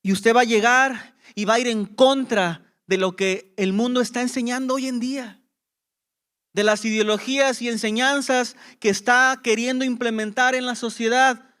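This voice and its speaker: A man's voice: very high-pitched, fairly even intonation, normal speed, fairly bright tone, clear, resonant tone. A man preaching a sermon as pastor, with impassioned emphasis and rhetorical questions to the congregation.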